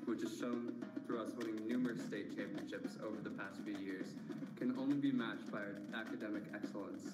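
A man's voice: fairly low pitch, very noisy. A young man, a student, reading a proud, earnest scripted voice-over for a school video. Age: teens to young adult, a student. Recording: echoey voice-over under loud music.

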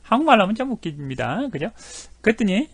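A man's voice: high voice, sing-song, fast, breathy edge, no echo. A middle-aged man teaching English phrases in a chatty way, with many fillers and repeated phrases. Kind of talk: explaining lesson with video clips.

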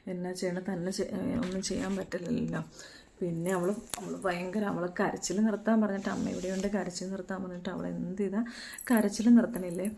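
A woman's voice: fairly low pitch, level tone, brisk, creaky, mellow, a little hiss or hum. A woman, chatting in a casual home vlog and coaxing her toddler in a sing-song way. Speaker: mother and home vlogger.

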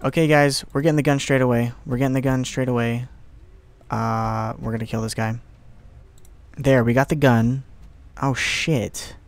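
A young man giving casual let's play commentary on a horror game, excitable, muttering to himself and swearing. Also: mid-range voice, normal speed, pauses often.

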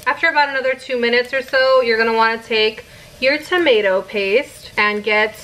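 Young woman, twenties, chatty giggly cooking vlogger, home kitchen, camera on the counter, slightly high voice. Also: moderate pace, a bit bright, slight background noise, low-quality recording. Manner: chatty, giggly, laid-back. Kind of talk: casual cooking vlog. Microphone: camera set in the microwave.

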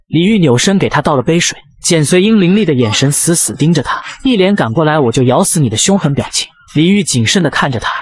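Male comic recap narrator, quick husky delivery, a touch above average pitch.

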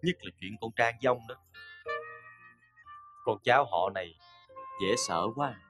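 A man's voice: fairly low pitch, animated, unhurried, over music. An actor playing a sly, chuckling middle-aged man with a Southern Vietnamese accent, evasive in manner.

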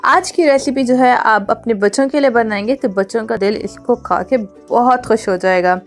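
A woman narrates a home cooking tutorial over faint background music. Her voice sits a little high, and she explains each step in a chatty, instructive manner, going back over her points. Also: normal speed. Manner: chatty, instructive, repeats herself. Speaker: cooking channel host.

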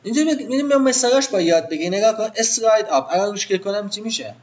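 A man's voice: high voice, animated, a little mellow, highs cut off. A man teaching web design to a live class in an informal way, asking the students questions and then answering them himself.

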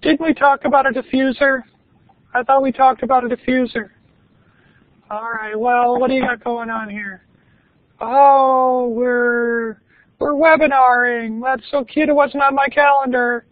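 A man voicing a fussy, chatty female foam puppet in a squeaky put-on voice during a webinar. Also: steady tone, measured pace, dry recording, narrow, tinny audio. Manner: fussy, complaining, gushing.

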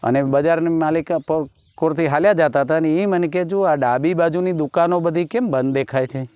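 A man's voice: a little high, brisk, a little mellow, clean tone, no echo. Man telling rustic village jokes. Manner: telling jokes in a rustic village dialect, acting out every character. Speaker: stand-up comedian. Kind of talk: Gujarati folk comedy storytelling.

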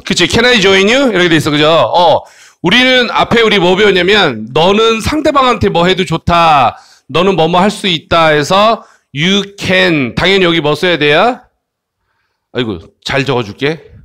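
A man with a high, bright voice leads a children's English lesson. He coaxes his young listeners along and checks in with short tag questions again and again. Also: animated, measured pace. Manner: coaxing, frequent tag questions. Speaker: English teacher.

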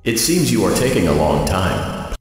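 A woman voicing a cold female animatronic who gives calm, clipped instructions over an intercom, from a distant booming hall echo. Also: unhurried, full character voice.

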